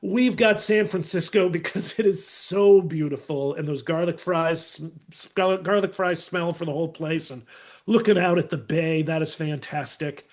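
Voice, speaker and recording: A middle-aged man with a high voice tells stories in a casual, animated way as a podcast guest. He keeps slipping into little voices for the people in his anecdotes. It is relaxed, unscripted talk. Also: normal speed. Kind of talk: casual storytelling.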